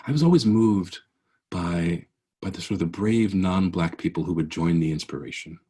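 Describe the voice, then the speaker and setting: Low husky man giving an earnest keynote. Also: moderate pace, mellow. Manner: earnest, preacherly, with many restarts. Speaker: keynote speaker. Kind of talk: motivational keynote talk.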